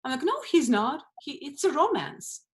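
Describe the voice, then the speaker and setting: A woman from Russia with a Russian accent, doing a stand-up set over a video call in a deadpan, blunt way, laughing at her own jokes. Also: high-pitched, moderate pace. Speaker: stand-up comedian.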